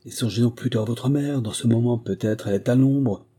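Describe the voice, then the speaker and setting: A man's voice: mid-range voice, fairly quick, mellow, breathy edge, lightly acted. A man voicing a boisterous, swaggering male ex-convict in an audiobook reading, speaking in a raised, exclaiming voice.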